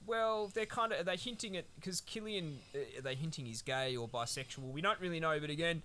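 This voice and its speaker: A man with a bright, forceful, slightly high voice co-hosts a casual film-review podcast, speaking briskly. He rambles through the plot in a laid-back drawl, swearing freely, while faint noise hums underneath.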